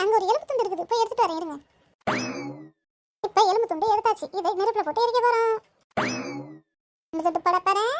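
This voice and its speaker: Cheeky cartoon girl vlogger, very high, fast patter, actor-voiced. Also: slight background noise. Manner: chatty, boastful. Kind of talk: comic home-tour vlog narration.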